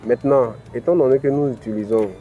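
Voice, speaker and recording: Talking quickly at medium pitch, a crypto channel host with an African French accent goes step by step through a screen-recorded tutorial, saying "ok" and "voilà" a lot. The audio is narrow and tinny, with soft music in the background.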